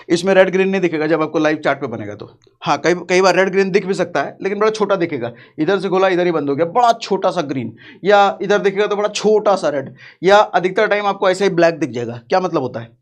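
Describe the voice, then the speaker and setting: A man's voice: sits high, lively intonation, a little fast. A man, teaching chart reading in a casual, rustic, joking way with lots of repetition. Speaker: trading teacher.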